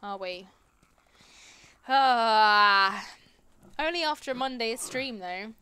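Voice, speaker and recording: A woman's voice: on the high side, expressive, takes it slowly, pushed and bright, clean tone, dry recording. A young British woman chatting playfully through a game livestream, muttering reactions and joking with viewers. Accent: British English. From England. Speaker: livestreaming gamer. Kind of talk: casual let's-play commentary.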